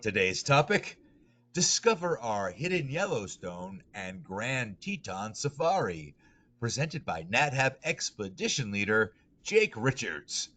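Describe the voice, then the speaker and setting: A man hosting a webinar, reading a scripted welcome in a lively, welcoming way. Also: medium pitch, unhurried. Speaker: webinar host. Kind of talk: scripted introduction.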